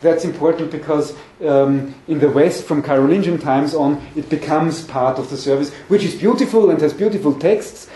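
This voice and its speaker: A man's voice: a little high, moderate pace, few pauses, mellow. A man in his forties giving a scholarly seminar lecture, hesitant and often repeating words as he searches for phrasing. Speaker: academic lecturer. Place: meeting room with conference table, indoors. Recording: echoey room, mic at a distance.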